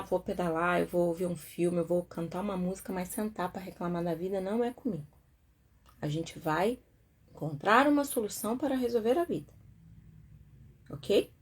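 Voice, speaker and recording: A woman's voice: mid-range voice, moderate pace, husky. A Brazilian woman therapist comments on a self-help book in a chatty way, with frequent tag questions and acted-out quotes. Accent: Brazilian Portuguese.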